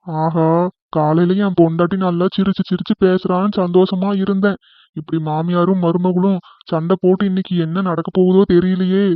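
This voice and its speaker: A man voicing an easygoing young husband in a cartoon comedy, mild and pleading as he tries to calm things down. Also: high voice, brisk, no echo, natural voice. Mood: placating. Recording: tinny phone-like sound.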